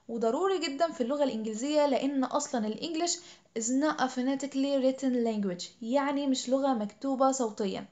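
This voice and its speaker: A woman with an Egyptian Arabic accent teaching an English pronunciation lesson, explaining patiently and repeating example words slowly for learners to copy. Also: high-pitched, darkish tone. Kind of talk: online language lesson.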